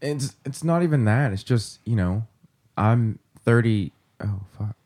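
A man's voice: lowish voice, unhurried, a little mellow. A man in his early thirties co-hosting a podcast, talking openly and reflectively with some self-deprecation. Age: 30s. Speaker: podcast co-host. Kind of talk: casual chat.

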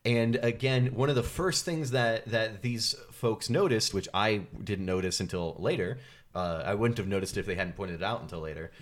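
A man co-hosting a casual podcast discussion who talks in a halting, hedging way. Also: lowish voice. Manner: halting, hedging, many restarts. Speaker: podcast co-host.

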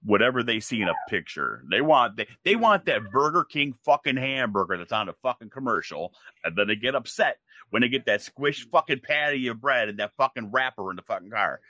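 A man's voice: mid-range voice, animated, a little fast, sharp tone, dry recording. A man, a podcast guest who grows mushrooms, talking bluntly with plenty of swearing. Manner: blunt, profane, ranting. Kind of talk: casual chat.

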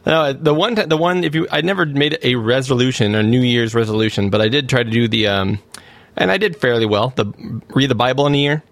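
A man's voice: mid-range voice, fairly quick, a bit bright, dry recording. A man co-hosting a retro gaming podcast, chatting casually, joking and laughing often. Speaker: podcast co-host. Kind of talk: casual chat.

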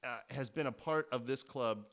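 Talking at a moderate pace in a bright-ish mid-range voice, this podcast co-host chats about sports with lots of energy. He's casual, curses freely, and frequently starts his sentences over.

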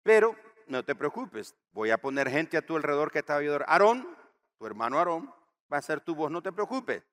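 A man preaching a sermon to his congregation as pastor, emphatic and rising to loud exhortation. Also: a little high, very animated, fairly quick. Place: church auditorium.

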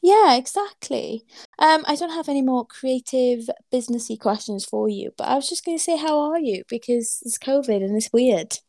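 A bubbly Welsh woman hosts a casual podcast interview, her voice edged with a gravelly fry. She sounds enthusiastic and laughs often. The sound is close and dry. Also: high voice, lively intonation, normal speed, warm tone, no echo. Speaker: podcast host.

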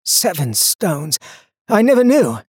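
A man's voice: sits high, very animated, slow, a little mellow, husky, no room sound, clean studio sound, voice pushed up, exaggerated voice. A man reading an audiobook, voicing a determined, capable young woman traveler who talks earnestly and rambles when tired.

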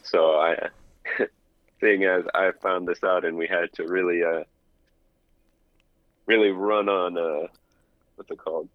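A man's voice: low-pitched, steady tone, measured pace, pauses often, no room sound. A man co-hosting a casual podcast by phone from his apartment, his call played back into the studio, rambling through stories and restarting words. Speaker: podcast co-host calling in. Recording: dull lo-fi phone line.

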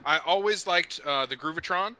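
A man co-hosting a podcast, enthusiastic, halting as he searches for words. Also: a little high, bright, forceful tone, a little hiss or hum. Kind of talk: casual podcast interview.

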